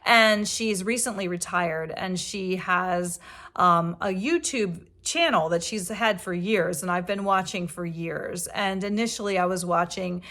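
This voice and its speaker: A woman's voice: lowish voice, a little slow. A middle-aged woman talks about books in a casual, rambling way, full of fillers and restarts. She sounds tired after a long workday. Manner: chatty, warm, many fillers and restarts. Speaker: book vlogger and reading teacher. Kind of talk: casual chat to camera.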